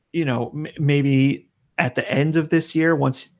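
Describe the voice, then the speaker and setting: A man's voice: on the high side, steady tone, slow. A man co-hosting a casual sports podcast, laid-back and swearing freely. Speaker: podcast co-host.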